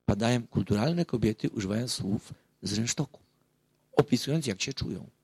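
A man's voice: medium pitch, animated, normal speed, a little mellow, husky, no room sound. A middle-aged man giving a public talk as a marriage counselor, telling stories earnestly and rising to emphatic outbursts. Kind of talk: public lecture to an audience.

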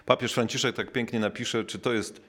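The preacher speaks at medium pitch with fairly even intonation and a fairly bright tone, offering a calm, reflective sermon. He emphasizes important words by slowing, and uses brief filler sounds while pausing to find his thought.

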